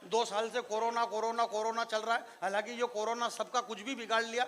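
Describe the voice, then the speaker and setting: A man from Marwar, Rajasthan, performs as a stage poet at a live event, speaking into a stage microphone and mixing joking asides with rising declamation. His voice is extremely high and fairly bright, with a brisk, flat delivery.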